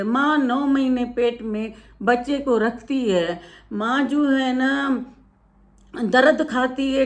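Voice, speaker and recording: A woman tells a devotional moral story in an earnest, repetitive way. Her speech is full of fillers, and her voice sits a little higher than most women's.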